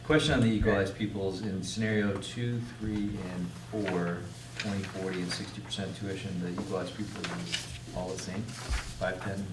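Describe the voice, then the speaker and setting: Deep man far from the phone. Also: little pitch movement, moderate pace. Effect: far from the phone he speaks into. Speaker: meeting member calling in. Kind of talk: casual meeting talk. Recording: distant echoey phone pickup with noise.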